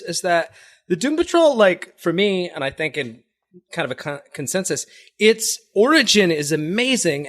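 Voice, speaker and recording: A man's voice: a little high, fairly bright tone. Chatty man co-hosting a comics podcast. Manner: chatty, laughs often, explains at length. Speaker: podcast co-host. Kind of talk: casual comics discussion.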